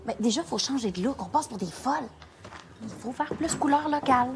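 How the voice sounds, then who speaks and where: A woman's voice: sits high, lively intonation, a little fast, darkish tone, a little hiss or hum. A woman playing a spirited young fairy with a Québécois French accent, talking boldly and teasingly. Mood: frank. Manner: bold, chatty, teasing. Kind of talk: film dialogue.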